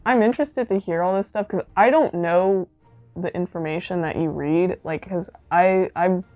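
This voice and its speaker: A young woman co-hosting a podcast, laid-back and quick with jokey reactions. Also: on the low side, a little mellow, lo-fi sound, faint music behind. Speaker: podcast co-host. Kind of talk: casual podcast chat. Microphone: studio mic.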